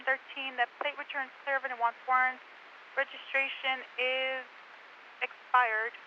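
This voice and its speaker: A woman working as a police dispatcher, reading out codes, plates and addresses in a rapid, clipped way over a police radio. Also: high-pitched, level tone. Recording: muffled scanner radio with hiss.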